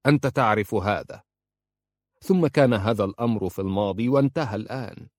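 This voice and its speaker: A man voicing an older judge and father, proud and stubborn, speaking in a stern, measured way. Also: lowish voice, darkish tone, no echo, studio quality, lightly acted.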